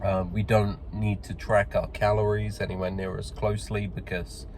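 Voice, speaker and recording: A man's voice: fairly low pitch, little pitch movement, normal speed, a little mellow. A man vlogging casually, musing and explaining things in a conversational way. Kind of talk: casual chat to camera. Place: inside a car out running errands. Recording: noisy car, road and engine noise.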